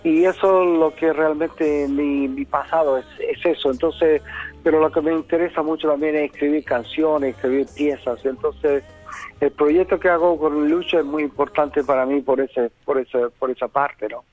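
Man, Caribbean Cuban-style Spanish accent, slightly high voice, casual interview guest, storytelling, faint music bed. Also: fairly even intonation, moderate pace, narrow, tinny audio. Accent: Caribbean, Cuban-sounding Spanish. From Chile. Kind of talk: casual radio interview, telling anecdotes.

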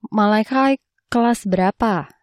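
A woman working as a radio host, speaking clearly and courteously in a presenter's style as she narrates and interviews on a close microphone. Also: mid-range voice, a little slow, no room sound.

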